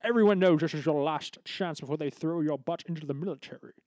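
A man's voice: fairly high pitch, fast, a little mellow, no room sound, clean studio sound, lightly acted. A man voicing a smug, sarcastic, grandly menacing cartoon school principal with a formal, theatrical manner. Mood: stern. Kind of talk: cartoon voice acting.

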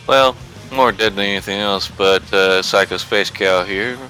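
Low, bright-voiced man in a dry room. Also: a little slow, soft background music, poor audio. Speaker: podcast co-host. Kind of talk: casual podcast chat.

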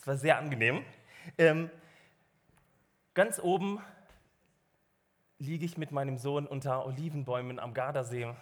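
A man's voice: mid-range voice, normal speed, pauses often. A man in his thirties hosting a church service in a club venue, joking with the crowd and telling them to stand, clap and stamp. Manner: upbeat, joking, directing the crowd. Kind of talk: lively church welcome and crowd warm-up.

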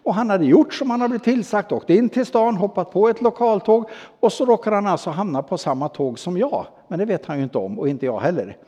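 A man delivers a sermon as a personal story, pausing with hesitations and acting out dialogue. His voice sits fairly high for a man and sounds mellow and warm. A long reverb trails his words, as in a large hall. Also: expressive. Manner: personal anecdote told with hesitations and quoted dialogue. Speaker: preacher.

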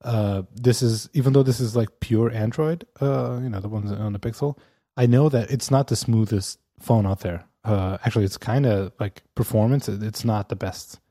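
Rambling man with a mellow, dry voice. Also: lowish voice, fairly even intonation, moderate pace, no echo. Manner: rambling, many fillers and restarts, laughs often. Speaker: podcast co-host. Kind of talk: casual chat. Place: lives in Amsterdam.

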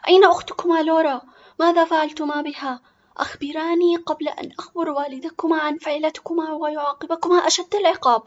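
Mother role in an audio story: a woman playing a worried, stern mom, breathy and urgent. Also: medium pitch, very animated, fast talker. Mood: angry. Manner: urgent and scolding. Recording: dull lo-fi recording.

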